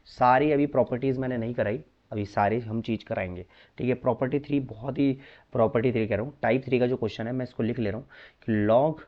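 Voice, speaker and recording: Guy teaching maths online, chatty and coaxing, mid pitch, kinda dull lo-fi audio. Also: fast talker. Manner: chatty, coaxing, calls students bhai.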